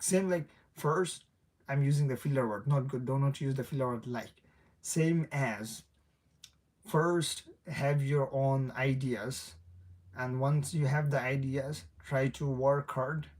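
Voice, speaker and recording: A man's voice: mid-range voice, darkish tone. Rambling young man with mixed accent. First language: non-native English. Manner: rambling, self-correcting, chuckles often. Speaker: livestream host. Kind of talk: casual late-night livestream chat.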